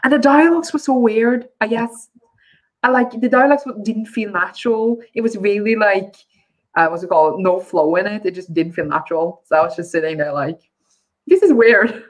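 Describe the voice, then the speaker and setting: A woman's voice: mid-range voice, fairly quick, low-quality recording. A woman co-hosting a book club, chatting casually and hesitantly, with frequent restarts and filler words.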